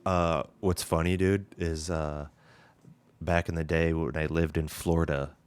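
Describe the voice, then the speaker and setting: A man's voice: extremely low pitch, level tone, a little slow. A man co-hosting a podcast, telling stories in a casual, profane, ranting way. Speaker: podcast co-host. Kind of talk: casual chat.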